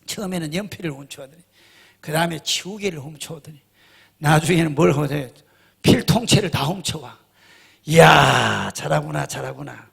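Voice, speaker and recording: A man's voice: a little high, brisk, vocal fry, husky. A middle-aged male pastor preaching a sermon, emphatic, often firing rhetorical questions at the congregation.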